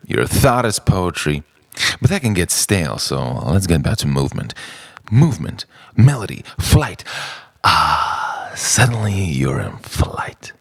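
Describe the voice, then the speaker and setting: A poet and spoken-word performer gives a theatrical, halting poetry monologue, shifting between hushed murmurs and louder lines and repeating words like a refrain. His voice is low-pitched and creaky with a breathy edge, with no echo.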